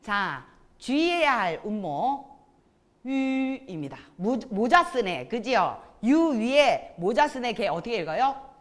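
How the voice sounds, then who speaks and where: A woman's voice: a little high, big pitch swings, slow. A woman teaching a pronunciation lesson, calling out sounds and cues for students to repeat. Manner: calls out drills with cues to repeat. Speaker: Chinese language teacher.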